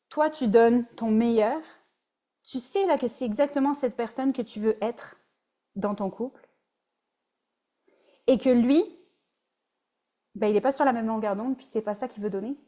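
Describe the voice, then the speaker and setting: A woman's voice: a little high, a little mellow. A woman with a Québécois French accent, a relationship coach giving a casual, conversational webinar presentation and dropping in English words.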